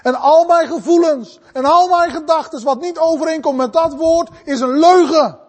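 A man preaching a fervent sermon, swinging between loud, urgent passages and soft, pleading ones. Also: very high voice, moderate pace.

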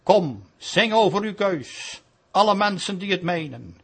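Male preacher, solemn and pleading, high voice, husky. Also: animated, measured pace, fairly bright tone. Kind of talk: sermon.

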